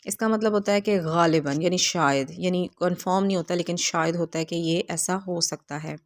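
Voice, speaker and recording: A woman teaching an English textbook lesson in a video, reading the English lines slowly and carefully and explaining them with hesitant fillers. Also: on the low side.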